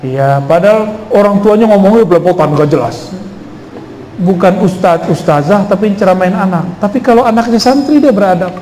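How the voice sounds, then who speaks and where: A preacher with a high-pitched, warm voice gives an Islamic study talk to a live audience at a moderate pace, keeping it conversational and quizzing his listeners. The recording has the echo of a hall and faint noise.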